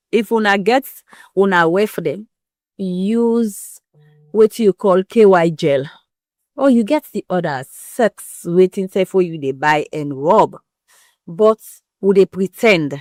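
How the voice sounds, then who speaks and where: Recorded cleanly in a studio with no echo, a woman of medium pitch explains women's health as an interview guest. She has a West African Pidgin English accent and speaks frankly and emphatically, drawing on everyday comparisons.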